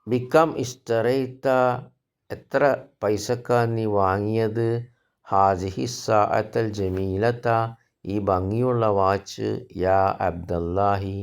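A man's voice: fairly low pitch, fairly even intonation, slow, smooth. A male Arabic teacher who reads Arabic phrases aloud one by one and then translates and explains each. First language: Malayalam. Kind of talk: recorded grammar lesson explaining exercises.

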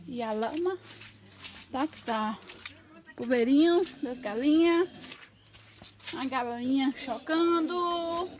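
A woman's voice: slow, long pauses, darkish tone. A woman chatting casually while filming her daily farm chores outdoors on her phone, calling out to the animals. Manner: chatty, calls out to animals in a high sing-song voice. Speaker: vlogger. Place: outdoors on a farm, pigsty and yard. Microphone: phone camera held by the speaker.

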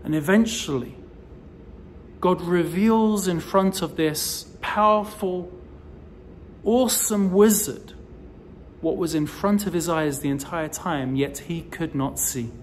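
Speaking on the high side, this man in his forties gives a sermon as a rabbi, unfolding the story in a slow, deliberate way marked by emphatic rises. A faint hiss or hum runs under the close, selfie-style phone or camera recording, made indoors in front of a decorative wall.

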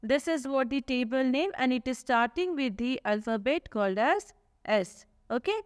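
Woman, patient teacher, rhetorical questions, smooth clear voice, dry recording. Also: high-pitched, lively intonation, moderate pace, no echo. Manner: explains patiently, asks herself questions, many tag "okay?". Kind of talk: slide lecture. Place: voice-over on slides.

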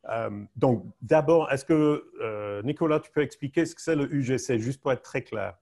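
A man's voice: mid-range voice, moderate pace, darkish tone. A man hosting a web seminar, moderating questions with a playful, joking manner over a video call. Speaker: webinar host. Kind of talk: moderating a panel Q&A.

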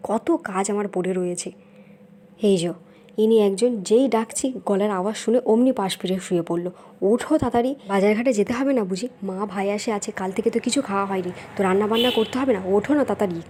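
A woman's voice: medium pitch, fast talker, warm tone. A woman voicing a busy young housewife in a doll-play drama, nagging and scolding the household.

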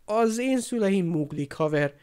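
A man's voice: sits high, lively intonation, darkish tone, clear, resonant tone, pitched above the performer's own voice. A man doing an easygoing, shrugging teenage boy. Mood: offhand. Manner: offhand, casual.

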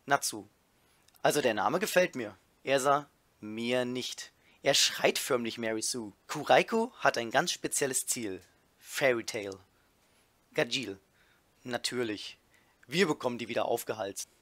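A man reading a fanfiction aloud in a deadpan way, naming each character before their line and adding mocking comments. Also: mid-range voice, unhurried, no room sound. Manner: reads character names as tags before lines, dry deadpan delivery. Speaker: reader of a fanfiction riff.

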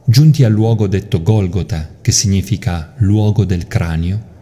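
A priest giving a measured, solemn liturgical scripture reading. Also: male voice, sits low, warm tone. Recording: music playing underneath.

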